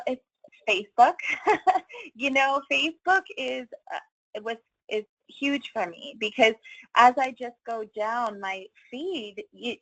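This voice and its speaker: A woman's voice: mid-range voice, dry recording, rough recording. A woman co-leading a training call, cheerful and chatty, laughing easily.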